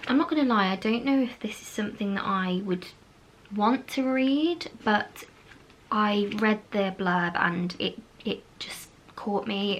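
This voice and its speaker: A woman talks casually to camera about her books, indoors under a ring light. She rambles along with many fillers at an ordinary pitch. A faint noise sits under her voice. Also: poor audio. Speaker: book vlogger and indie author. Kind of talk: casual chat.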